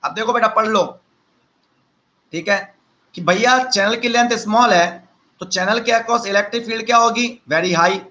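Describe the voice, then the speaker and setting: A man's voice: high voice, moderate pace, sharp tone, low-quality recording. A man, teaching a live online lecture and mixing chatty, teasing asides to his students into the explanation.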